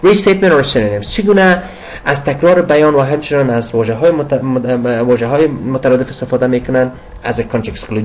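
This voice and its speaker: An older man teaching an English vocabulary lesson, switching between quick explanations in his own language and slow, careful English reading. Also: fairly high pitch, poor audio.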